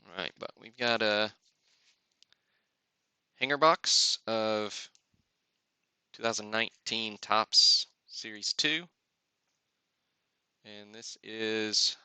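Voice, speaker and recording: On the low side but bright, this man's smooth, forceful voice comes through with no echo. As host of a sports card break livestream, he opens cards with casual, off-the-cuff commentary and mutters asides to himself.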